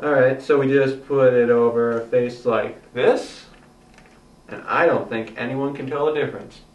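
A man's voice: mid-range voice, fairly even intonation, lo-fi sound. A man playing a frantic, exasperated rookie film director in a comedy sketch. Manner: frantic, exasperated, talks fast. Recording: echoey room from far off, faint noise.

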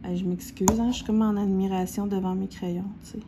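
A woman with a Québécois French accent gushes excitedly while unboxing crafting pens, breaking into gasps and squeals. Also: mid-range voice, brisk, background noise. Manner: gushing, with gasps, squeals and repeated exclamations. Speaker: diamond painting vlogger.

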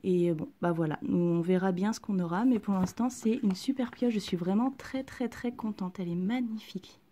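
Woman vlogger, warm mellow tone, excited unboxing chatter slipping into whispers, faint hiss behind. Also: mid-range voice, normal speed. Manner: gushing and excited, often dropping to a soft whisper. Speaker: vlogger unboxing collectible figurines. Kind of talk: casual unboxing chat.

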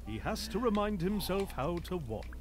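A man's voice: high voice, very animated, moderate pace. A man playing a wry, mocking narrator who delivers scripted narration in a cartoon game theatrically. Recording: music clearly behind.

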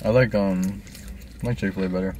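A man's voice: low-pitched, fairly even intonation, brisk, distant mic, noisy background. A young man in a car trading crude, teasing jokes with his sister. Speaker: vlogger's brother. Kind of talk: casual banter.

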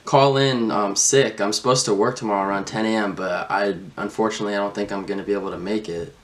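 A man's voice: fairly low pitch, fairly even intonation, fast. A young man talking in a casual, slangy way, as in a prank phone call or video chat. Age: young adult. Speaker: prank caller and video host. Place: small room indoors, plain wall.

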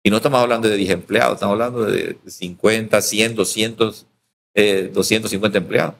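Salvadoran pastor telling a lively testimony. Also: male voice, lowish voice, fairly quick, creaky. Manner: lively storyteller, acts out quoted dialogue. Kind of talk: storytelling testimony in interview.

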